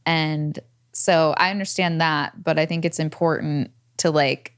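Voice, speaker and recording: A woman co-hosting a podcast, chatting in a relaxed way and filling her sentences with "like". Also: low-pitched, a little slow, smooth. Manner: relaxed, full of "like" fillers. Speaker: podcast co-host. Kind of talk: casual podcast chat.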